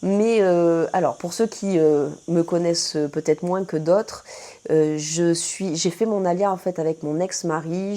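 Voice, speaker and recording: A woman's voice: low-pitched, mellow. A woman from France with a French accent, chatting casually to her viewers as she answers their questions, full of fillers and self-corrections. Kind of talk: casual Q&A chat to camera.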